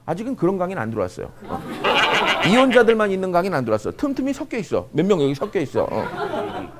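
A man's voice: sits high, quick pace, crowd noise. A middle-aged man giving a humorous lecture to a live audience, joking and tossing out rhetorical questions. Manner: joking, animated, peppers talk with rhetorical questions.

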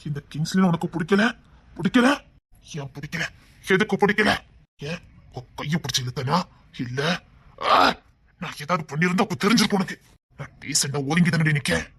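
A woman voicing a possessive, brooding young male hero in an audio drama, with a breathy voice and an intense, coaxing manner. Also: sits low, expressive, brisk, long pauses, a bit bright, exaggerated voice. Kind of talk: amateur audio drama acting.

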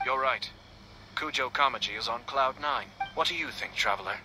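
An actor playing a composed, courteous young nobleman in a video game, speaking in a formal, measured way. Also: medium pitch, pushed and bright, soft background music.

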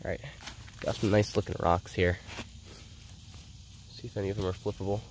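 Deep-voiced and speaking at a moderate pace, a young man with a stuffy, congested voice chats casually like a vlogger as he searches the woods outdoors. He sounds excited and narrates his own search, captured on a head-mounted action camera. The recording is rough, with slight background noise.

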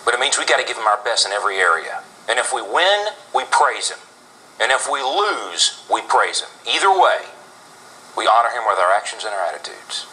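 An actor in his thirties playing an earnest, devout football coach, giving a deliberate, preacher-like pep speech to his team in a locker room. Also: lowish voice, big pitch swings, sharp tone, poor audio. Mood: urgent, exhorting. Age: 30s.

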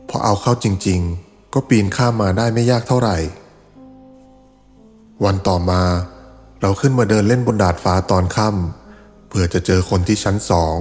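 Low-voiced man narrating a ghost story. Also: darkish tone. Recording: reverberant with faint background music.

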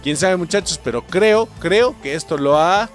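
A man's voice: high-pitched, normal speed, soft background music. A young adult man with a Mexican accent giving casual, profane gameplay commentary and keeping up a running chat with his viewers. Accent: Mexican Spanish. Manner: excitable, profane, keeps addressing the viewers. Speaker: let's play host.

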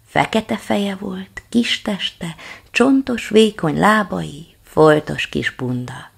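A woman narrates a children's story in a low, husky voice with a gravelly rasp. Her reading is lively and expressive, and her pitch swings widely as she follows the tale. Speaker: audiobook reader.

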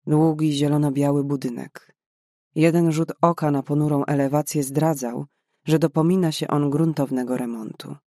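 A man narrating a novel in a measured, dramatic way. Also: on the high side, fairly even intonation, mellow, no echo, studio quality. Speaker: audiobook narrator. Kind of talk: scripted narration.

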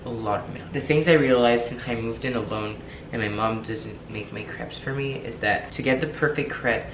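A young man talks through his breakfast recipes in a relaxed, joking way, poking fun at himself. His voice sits at an ordinary middle pitch for a man. It bounces around an echoey home kitchen while pots and dishes clank clearly in the background. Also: normal speed, background noise. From France. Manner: chatty, playful, jokes at himself. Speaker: cooking vlogger. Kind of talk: casual cooking demonstration.

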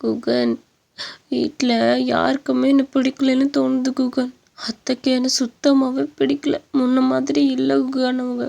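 A woman's voice: sits high, unhurried, vocal fry, exaggerated voice. Woman voicing a meek pleading young wife. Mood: sad. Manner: soft, pleading. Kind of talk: animated story dub.

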